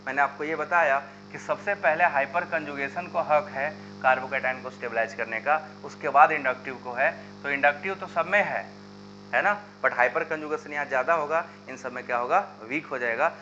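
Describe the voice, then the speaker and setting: A man's voice: fairly high pitch, moderate pace, pushed and bright. A man teaching a live online chemistry lesson, into his talk and urging students to answer in the comments. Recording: dull lo-fi sound with faint hum.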